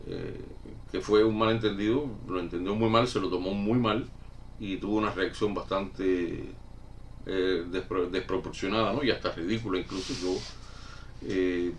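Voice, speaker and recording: Rambling middle-aged man, low voice, distant mic. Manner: rambling, many filler pauses and restarts. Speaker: channel host answering chat questions. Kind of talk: casual chat. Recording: somewhat distant mic with faint room noise.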